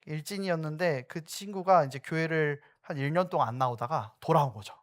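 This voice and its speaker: A young man, a youth pastor, preaching a sermon that moves from storytelling to loud, urgent exhortation. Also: on the high side, a little fast.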